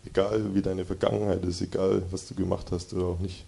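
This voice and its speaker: Man, preacher, low gravelly voice, dark tone, earnest conversational sermon. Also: flat delivery, fairly quick. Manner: earnest, conversational, reads verses with more force. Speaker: preacher giving a devotion. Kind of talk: sermon with Bible readings. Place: church hall with slide projection.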